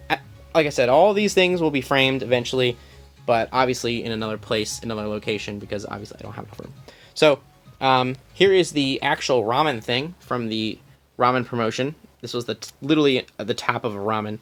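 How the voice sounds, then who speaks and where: A man's voice: medium pitch, fairly quick, fairly bright tone, soft background music. A young man casually showing his collection to a phone camera, rambling with many ums and restarts in a small room at home. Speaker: collector giving a room tour. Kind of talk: casual filmed walkthrough.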